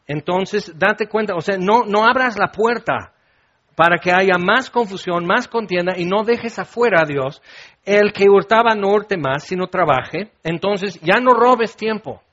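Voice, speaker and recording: A middle-aged man preaching a sermon, animated and dramatic, acting out little scenes as he talks. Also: high-pitched, unhurried, highs cut off. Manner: animated, acts out scenes with shouts and laughs. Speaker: pastor.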